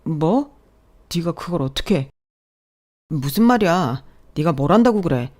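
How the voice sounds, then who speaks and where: A cornered husband stammers and dodges in a defensive way, as a woman reads his part. The voice is low and mellow, with no attempt at a deep male voice. It comes from a radio-drama story reading. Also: animated, unhurried. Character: evasive, cornered husband hiding behind his mother.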